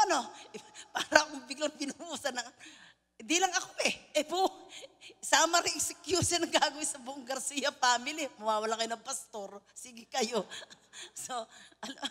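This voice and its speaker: A Filipino woman preacher giving an animated sermon, telling stories with frequent laughter. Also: sits high, big-room sound. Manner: animated storytelling, mixing in laughter and English phrases.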